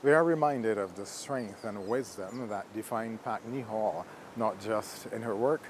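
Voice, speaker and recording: A man reads a documentary script in a measured, formal way. His voice sits a little low, and there is faint noise in the background. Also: poor audio. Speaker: documentary narrator. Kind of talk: scripted narration.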